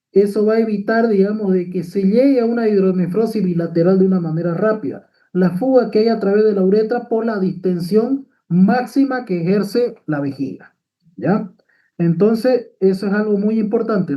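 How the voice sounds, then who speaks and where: A man teaches a medical class, walking through a slide point by point. He checks in with frequent tag questions and fillers as he explains. The audio sounds slightly dull, as if through a modest mic. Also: high voice. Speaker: medical lecturer. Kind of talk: lecture with slides.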